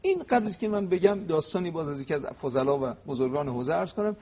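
A husky-voiced man, a cleric guest on a religious TV talk, gives an animated storytelling lecture. He acts out quoted dialogue with emphasis and rising pitch, and the highs in the sound are cut off.

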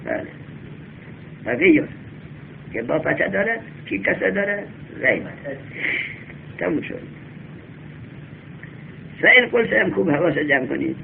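Male teacher, classroom lesson, reads slowly then explains and quizzes, somewhat high voice, tinny lo-fi sound with faint hum. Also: animated, vocal fry. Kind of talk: classroom lesson on Arabic grammar.

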